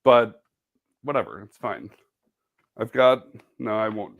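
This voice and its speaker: A man's voice: fairly low pitch, expressive, takes it slowly, gravelly, phone-quality sound. A man giving a casual, chatty live-stream sewing demo, self-deprecating and humming or making little beep noises as he works. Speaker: sewing ambassador.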